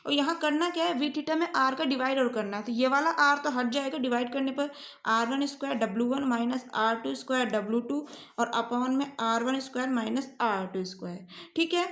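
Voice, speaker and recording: A woman gives a maths lecture in a high voice. She works through the equations step by step and keeps asking her students questions. The room around her is echoey. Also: fairly bright tone. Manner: explains step by step, often asks students questions. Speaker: maths teacher.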